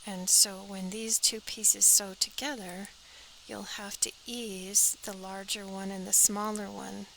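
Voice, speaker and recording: A woman's voice: medium pitch, little pitch movement, measured pace, vocal fry, bright, forceful tone, a little hiss or hum, rough recording. A woman teaching a step-by-step sewing pattern drafting tutorial, practical and talking as she works, often dropping to an airy half-whisper.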